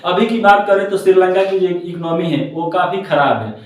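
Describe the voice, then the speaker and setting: A man teaches geography from a map with a rather high voice. He says every point twice and recites lists in a sing-song chant. The sound is very roomy and echoey, and he stands a little away from the mic. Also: normal speed, far from the mic. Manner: repeats each point twice. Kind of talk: classroom-style map lesson.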